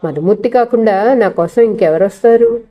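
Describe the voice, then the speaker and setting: A woman's voice: mid-range voice, normal speed, lo-fi sound, lightly acted. A woman voicing a proud, defiant young wife with a cutting, sarcastic way of talking.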